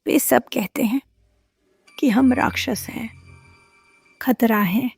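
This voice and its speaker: A woman's voice: on the high side, slow pace, creaky, darkish tone, breathy edge, soft background music, heavily acted. A woman voicing a traumatized young woman in a dubbed drama, speaking in a fearful, pleading way. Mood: quiet anguish.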